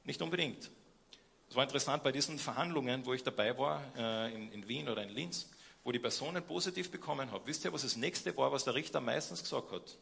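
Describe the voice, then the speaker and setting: A young man preaching a sermon, swinging between loud questions and quiet emphasis, with frequent hesitations. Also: mid-range voice, fast talker, gravelly.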